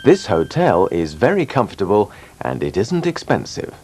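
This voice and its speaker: A man teaching English in a scripted lesson, drilling words slowly and clearly. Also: lowish voice, wildly swooping pitch, a little mellow. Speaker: language teacher.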